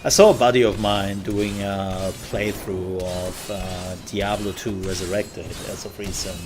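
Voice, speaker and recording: A man's voice: low-pitched, level tone, measured pace, background noise. A man giving casual commentary as he plays a video game and hosts the playthrough. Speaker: gamer, let's play host. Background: game music.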